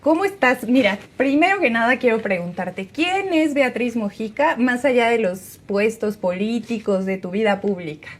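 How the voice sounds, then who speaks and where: A woman's voice: on the high side, animated, moderate pace, few pauses. A woman hosting an interview in a studio, reading a formal introduction before asking questions. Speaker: interview host. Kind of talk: scripted introduction then interview.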